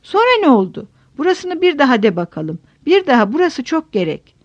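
A woman's voice: high-pitched, sing-song, normal speed, no room sound, highs cut off, pitched above the performer's own voice. A woman voicing a feverish, prying middle-aged village headman who keeps pressing with repeated questions. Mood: urgent. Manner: insistent, repetitive questioning.

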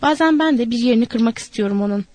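A woman's voice: a little high, fast talker, a little mellow, close to an everyday voice. Woman voicing a cold, threatening young ranch wife. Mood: menacing.

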